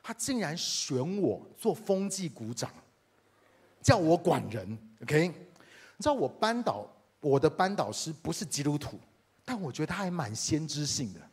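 A man's voice: a little high, normal speed, husky. A man from Taiwan with a Taiwanese Mandarin accent, a pastor telling a personal story in a sermon and speaking directly to the congregation. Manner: animated, addresses the congregation directly.

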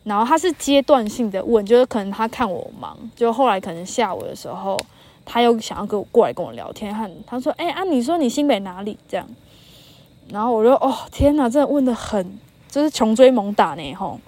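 A woman's voice: on the high side, expressive, brisk, warm tone. A woman in her thirties with a Taiwanese Mandarin accent, chatting casually as a solo podcast host and telling anecdotes, quoting people and laughing now and then. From northern Taiwan. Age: 30s. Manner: chatty storytelling, quotes people, laughs often. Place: mountain campsite by a campfire.

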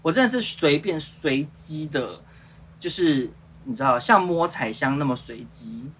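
On a livestream, this thirty-something man with a Taiwanese Mandarin accent speaks at a measured pace in a voice on the high side, casually recounting a story. Working as a show producer and host, he acts out the conversations lively and wanders through them with many filler words, over slight background noise.

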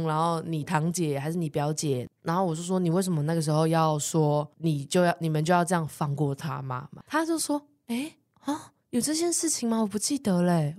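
A woman's voice: low-pitched, fairly quick, hardly any pauses. A woman, co-hosting a podcast and telling a story in a casual chat, laughing often and acting out what others said. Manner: animated storyteller, swears, laughs often, acts out quoted people. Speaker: podcast co-host.

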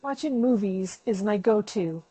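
A woman's voice: mid-range voice, lively intonation, a little slow, mellow, husky, no echo, poor audio. A woman giving short, plain scripted answers in a dialogue drill. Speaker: example speaker in a dialogue drill.

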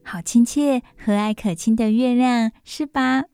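A woman radio host reading a bedtime story for children, expressive, with asides to listeners. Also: on the high side, measured pace, smooth, dry recording, studio quality, soft background music. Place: radio studio.

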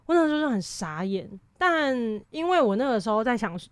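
A young woman, a podcast guest telling a story animatedly in casual chat, with many quick agreeing fillers. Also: on the high side, sing-song, smooth, no room sound. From Taiwan.

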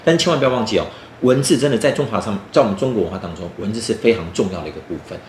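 A man's voice: fairly low pitch, rapid-fire. A man with a Taiwanese Mandarin accent hosting a children's book talk, playfully explaining as if to young children and asking questions. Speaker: children's story show host. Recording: roomy echo, faint background noise.

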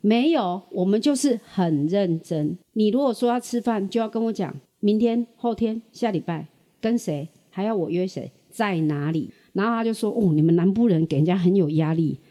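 Animated Taiwanese-accented woman host, mellow voice. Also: mid-range voice, moderate pace, no room sound. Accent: Taiwanese Mandarin. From Kaohsiung, Taiwan. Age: middle-aged. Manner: animated storyteller who acts out quoted voices. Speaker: podcast host. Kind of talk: casual chat.

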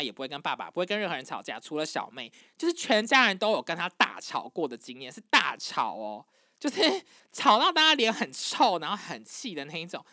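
A young woman casually retelling a family quarrel, animated and exasperated, acting out quoted lines. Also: on the low side, dry recording, studio quality. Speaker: storyteller. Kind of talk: casual storytelling podcast.

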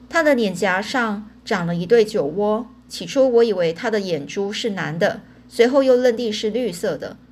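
A woman's voice: medium pitch, slightly rough. Woman storyteller, informal read-aloud, explains as she goes. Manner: chatty, explains words and repeats herself. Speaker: audiobook reader. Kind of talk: storytelling narration.

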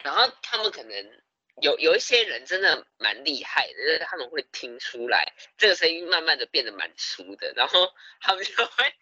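A young man, telling stories in a casual podcast chat, animated and laughing often. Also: fairly high pitch, brisk, slightly rough, dry recording, dull audio. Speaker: podcast co-host.

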